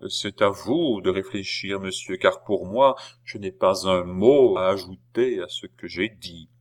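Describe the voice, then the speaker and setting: A man reading an audiobook, voicing a stern doctor who speaks in a measured, solemn way. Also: low-pitched. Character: grave, stern middle-aged doctor.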